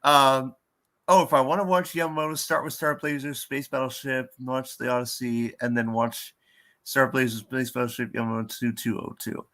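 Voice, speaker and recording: A man's voice: medium pitch, steady tone, normal speed, sharp tone. A man in casual chat, rambling and stammering with lots of repeated words. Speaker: fan voice actor, co-host.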